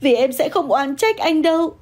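A woman voicing a scheming young mistress who shouts, wails and pleads through tears. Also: fairly high pitch, normal speed, close to an everyday voice. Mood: tearful wailing.

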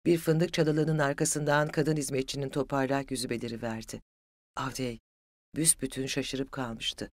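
An audiobook narrator reading a literary story in an even, steady way. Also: mid-range voice, moderate pace, no room sound.

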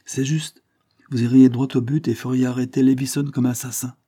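A jittery young fugitive, as a man reading puts him on, pleading and high-strung, his voice climbing above the reader's own. The voice underneath stays dark and husky, with a breathy edge. It sounds fearful and pressed throughout, as in a spoken storybook. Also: little pitch movement, normal speed, natural voice. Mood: anxious. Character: frightened young man on the run.

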